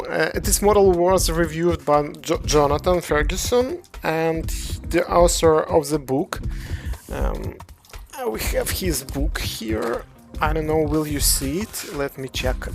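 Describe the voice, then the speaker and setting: A game developer from Ukraine casually walks through models on a livestream and answers chat in halting, hesitant non-native English with a Ukrainian accent. The voice is medium-pitched and gravelly.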